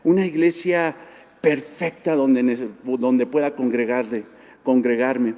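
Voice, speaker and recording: A man's voice: mid-range voice, fairly even intonation, takes it slowly, mellow, lightly acted. A man voicing a discontented young man who wants a perfect church. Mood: exasperated. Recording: long hall reverb.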